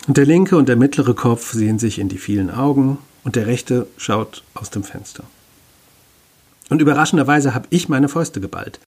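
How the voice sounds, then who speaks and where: A man narrating a first-person story with wry, self-ironic humor and a husky voice. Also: mid-range voice, expressive, normal speed, darkish tone.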